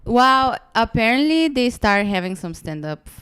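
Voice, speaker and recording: A woman's voice: fairly high pitch, sing-song, a little slow, fairly bright tone, clean tone. A woman in her twenties from Bulgaria, speaking with a Bulgarian accent as a podcast guest, telling stories casually and informally, acting out the dialogue and swearing freely. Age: 20s. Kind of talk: casual conversational storytelling.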